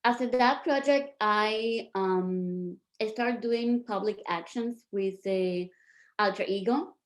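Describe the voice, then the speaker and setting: A woman from Cuba presenting her performance art on a video call, speaking in a measured, reflective way with pauses. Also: medium pitch. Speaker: performance artist.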